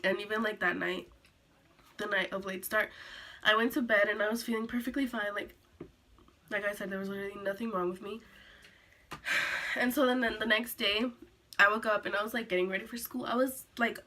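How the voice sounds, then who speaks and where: A teenage girl telling a sit-down story to her camera, rambling with lots of "like"s and restarts, a little hoarse from being sick. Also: medium pitch, steady tone, a little fast, long pauses, bright, forceful tone, a little hiss or hum. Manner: rambling, filler-heavy, many "like"s and restarts. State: recovering from illness, coughing. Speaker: vlogger.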